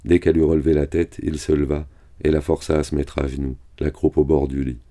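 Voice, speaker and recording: A man reading a novel aloud in a steady, measured delivery. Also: a bass voice. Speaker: reader.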